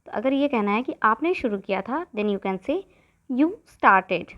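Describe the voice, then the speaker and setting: A young adult woman teaching spoken English, saying each short phrase slowly and clearly, then repeating it. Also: fairly high pitch, expressive, lo-fi sound. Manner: slow, clear drilling, says each English phrase twice. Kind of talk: bilingual language lesson.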